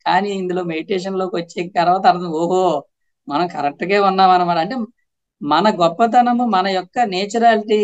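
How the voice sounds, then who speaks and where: A man with a Telugu accent, a spiritual teacher giving a casual talk that answers questions and acts out quoted voices. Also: high-pitched.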